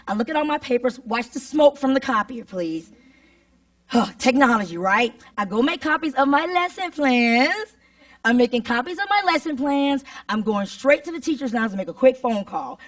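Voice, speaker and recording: High-voiced woman teacher working a crowd. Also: distant mic. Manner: call-and-response questions to the audience; playful and theatrical. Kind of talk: motivational stage talk. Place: stage at a live talk event.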